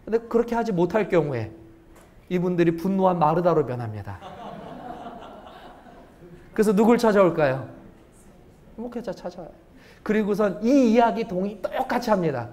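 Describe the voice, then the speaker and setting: A male pastor preaching a sermon in a church. He keeps asking the congregation rhetorical questions and swings between loud emphasis and hushed asides. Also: sits high, expressive, moderate pace, pauses often. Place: church sanctuary.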